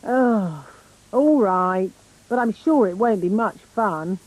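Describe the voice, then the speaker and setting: A woman voicing a bossy, brisk fairy nanny in a children's cartoon, with a British accent and a haughty, theatrical manner. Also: medium pitch, expressive, a little mellow, a little hiss or hum, low-quality recording. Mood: breezy, proud. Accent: British English.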